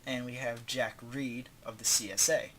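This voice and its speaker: With crowd noise behind him, a man speaks at a moderate pace in a medium-pitched voice that barely moves. He's a gaming tutorial host, congested and a little hoarse, breezily clicking through menus while explaining a strategy game in slangy, offhand terms.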